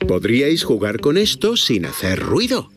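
With a Castilian Spanish accent from Spain, a man narrates a preschool cartoon, speaking playfully to the characters and expressively to small children. His mid-range voice swings hugely in pitch at an unhurried pace, and children's music plays behind him.

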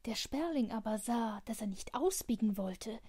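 A woman narrating a fairy tale audiobook in a calm, even storytelling manner. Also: a little high, moderate pace, breathy edge, no room sound, studio quality.

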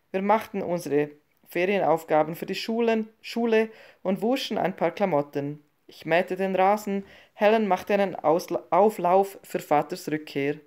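Low-voiced woman reading a story. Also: a little mellow. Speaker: narrator. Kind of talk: audiobook reading of a short story.

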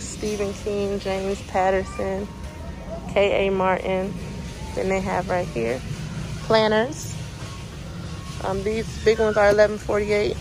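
A young woman with a son, chatting casually as she browses aisles and reads out items and prices, recorded on a handheld phone in a large store. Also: medium pitch. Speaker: shopping vlogger. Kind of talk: casual shop-with-me narration. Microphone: handheld phone camera. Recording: noisy phone audio in a busy store. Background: store ambience and noise.

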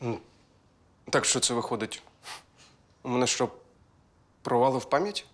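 An actor playing a jealous, agitated husband in a TV drama, questioning insistently. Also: male voice, mid-range voice, normal speed, lightly acted. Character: jealous, agitated husband, middle-aged man. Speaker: husband, former footballer. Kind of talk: TV drama acting.

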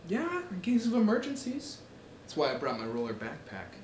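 A woman's voice: fairly low pitch, huge pitch swings, normal speed, a little mellow, a little hiss or hum. A woman acting an awkward, eager nineteen-year-old guy who talks oddly formally in a comedy sketch. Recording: roomy sound with music.

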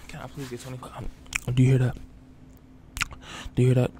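A man's voice: medium pitch, monotone, fairly quick, background noise, close to an everyday voice. A man voicing a frantic, down-on-his-luck addict who begs and rambles repetitively in an ASMR role-play. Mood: desperate pleading.

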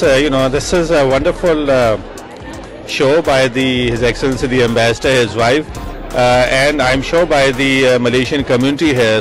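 A man, an ambassador, giving measured diplomatic remarks with many pauses into a handheld mic outdoors. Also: medium pitch, rough recording. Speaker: ambassador guest. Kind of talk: formal event interview. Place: outdoor courtyard under tent. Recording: background music.

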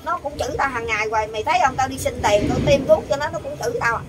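An older woman tells her story in animated, rapid bursts. She acts out other people's words as she goes. Her high voice is caught from some distance away. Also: background noise. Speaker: interviewee. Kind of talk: heated storytelling.

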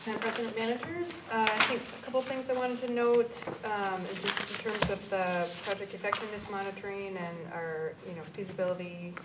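A woman's voice: medium pitch, fairly even intonation, fairly quick, few pauses. Staff woman, off-mic, echoey room, noise audible, casual filler-heavy update. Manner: informal, many fillers. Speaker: watershed staff. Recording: roomy, far from the mic, noisy.

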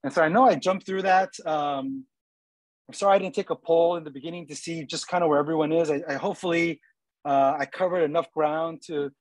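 Man giving a tech talk, slightly high voice. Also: dry recording. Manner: loose, hesitant, many fillers. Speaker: presenter. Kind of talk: tech presentation and Q&A answer.

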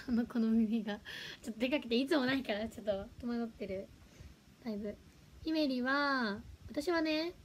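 Young woman, high voice, chatty and giggly, casual livestream talk, faint background hum. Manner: giggly, chatty, reacting to viewer comments. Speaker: livestream host.

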